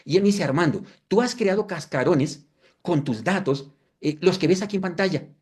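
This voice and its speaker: Man in his fifties, webinar presenter, fairly high voice, questions the audience, apologetic asides. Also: moderate pace, slightly rough. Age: 50s. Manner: lively, asks the audience rhetorical questions; self-deprecating, apologetic asides. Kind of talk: live lecture with demonstration.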